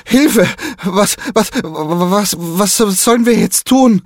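A man's voice: slow pace, slightly rough, no echo, studio quality, full character voice. A man doing a stuttering young pirate boy. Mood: excited. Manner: stuttering, high and excited. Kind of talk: children's audio story.

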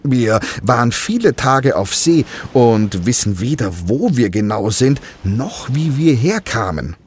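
A man voicing a young castaway who sounds anxious and bewildered, with his voice pitched up, in a storybook. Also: a little slow, a little hiss or hum. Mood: puzzled. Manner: raised, excitable pitch. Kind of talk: storybook narration.

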